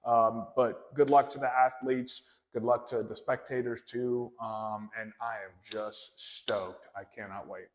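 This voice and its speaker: A man's voice: mid-range voice, steady tone, unhurried, few pauses. A young man, a realtor and event sponsor, chatting casually in an interview with lots of fillers. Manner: friendly, rambling with many fillers. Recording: long hall reverb.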